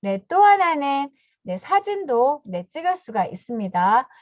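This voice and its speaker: Fifties lady teaching teachers online, kinda high voice, polite, says yes a lot, muffled dry call audio. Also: big pitch swings, a little slow, no room sound. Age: 50s. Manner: polite, step-by-step explaining, starts phrases with a short affirming "yes". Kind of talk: online training talk with screen demo. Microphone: video call mic.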